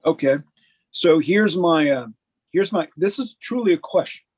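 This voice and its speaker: A middle-aged man co-hosts a tabletop game podcast in a loose, meandering way, full of fillers and self-deprecating asides. His voice is breathy and husky, pitched a little high for a man. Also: measured pace, darkish tone, low-quality recording. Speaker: podcast co-host. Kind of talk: casual chat.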